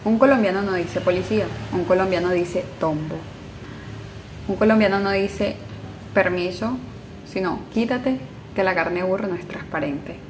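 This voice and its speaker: A woman's voice: mid-range voice, moderate pace, background noise. Playful woman listing slang sayings. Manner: playful, rhythmic contrasting of everyday sayings. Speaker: vlogger. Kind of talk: casual spoken explainer of slang.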